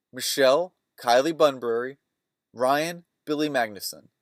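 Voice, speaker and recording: A man's voice: medium pitch, no echo, clean studio sound. Opinionated male movie-recap podcaster. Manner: rambling, opinionated, conversational retelling. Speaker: podcast host.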